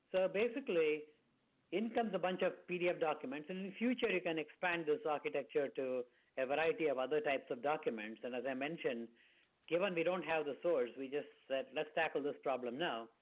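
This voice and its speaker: A man giving a technical presentation over a video call, explaining slides to listeners. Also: on the high side. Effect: heard over a video call. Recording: tinny phone-like call audio.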